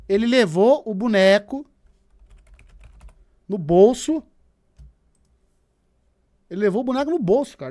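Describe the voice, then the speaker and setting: A man, giving sarcastic, teasing live commentary as he reacts to a debate for his chat. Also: high-pitched. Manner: sarcastic, teasing, swings from loud to muttered.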